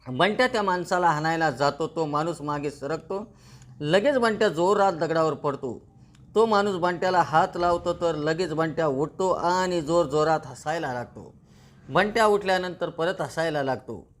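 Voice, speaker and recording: A man's voice: a little high, normal speed. A man retelling a television serial episode as narration. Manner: plain retelling, quoting dialogue.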